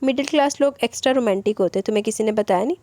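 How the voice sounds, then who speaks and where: A woman's voice: fairly high pitch, very fast, a little mellow, no echo, close to an everyday voice. A woman voicing a teasing, playfully bossy young husband in a romance novel reading. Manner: teasing, mock-stern.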